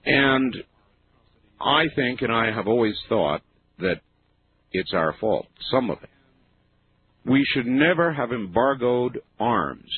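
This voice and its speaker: A talk radio host with a husky, slightly breathy voice speaks in earnest, argumentative commentary. He muses aloud and lets his phrases sink low at the ends. The sound is tinny and narrow, like an old radio broadcast. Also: expressive, takes it slowly, pauses often. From United States.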